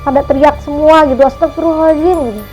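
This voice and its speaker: Woman telling a spooky story, kinda high voice, lots of ehs and pauses, soft music under it. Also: fairly even intonation, rough recording. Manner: hesitant with many fillers, acts out gasps of shock. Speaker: guest storyteller. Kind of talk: casual spoken ghost story.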